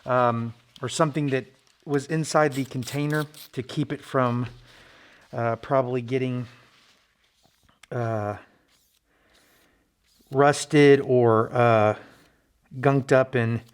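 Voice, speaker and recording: A man narrating a casual hands-on build vlog in a halting, low-key, modest way, his voice slightly muffled by a face mask. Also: fairly even intonation, clean tone. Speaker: hobbyist knife maker and video host. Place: friend's basement workshop.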